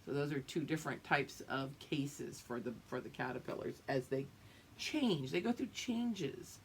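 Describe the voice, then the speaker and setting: Very deep and marked by vocal fry, this woman's voice carries over a little hiss or hum. Reading a picture book to her young pupils, she draws out every part with expression and breaks in with teacherly explanations and check-ins.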